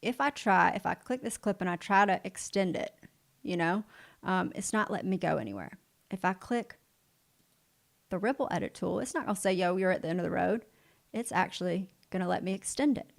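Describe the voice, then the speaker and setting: A woman giving a livestream software tutorial, upbeat and encouraging, talking straight to the viewer as she walks through each step. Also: medium pitch, animated, a little fast, vocal fry. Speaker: video editing instructor.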